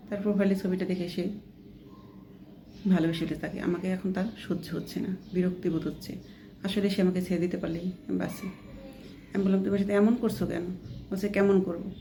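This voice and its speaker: A woman vlogger with a low, mellow voice and a gravelly edge tells her own story in an easy, conversational way. She keeps checking in with her listeners through short tag questions. Now and then she quotes what others said without changing her voice much. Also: slight background noise. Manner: chatty, often adds a checking tag question. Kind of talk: casual first-person storytelling.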